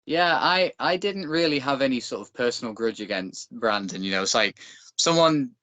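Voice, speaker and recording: A bare knuckle boxer in his thirties from Northern England, with a Northern English accent, chats as a guest in a casual interview, full of dry, self-deprecating humor. His medium-pitched voice is pushed and bright, with lively intonation and a normal speed, in a dry recording.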